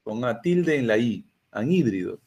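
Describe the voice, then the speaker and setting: A man's voice: medium pitch, lively intonation, normal speed, darkish tone. An older man with a Peruvian Spanish accent teaching a chemistry class, asking students questions and answering them himself. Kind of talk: classroom lecture.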